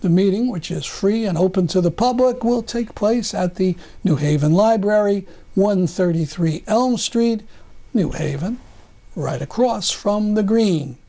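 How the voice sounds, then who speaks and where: A man reads a news roundup in an unhurried, measured way, dropping dry, wry remarks between items. His voice is mellow and soft-edged. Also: high-pitched. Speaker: news presenter. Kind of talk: scripted news narration.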